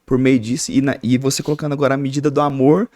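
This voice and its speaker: A man's voice: mid-range voice, level tone, racing, darkish tone. A man, hosting a podcast interview, prompting his guest and summing up his points. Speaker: podcast host. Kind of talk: casual interview.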